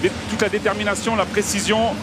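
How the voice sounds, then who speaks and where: A man analyses a live football match as co-commentator. His pitch is high and his delivery conversational. Clear noise is audible behind his voice. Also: flat delivery, fairly quick.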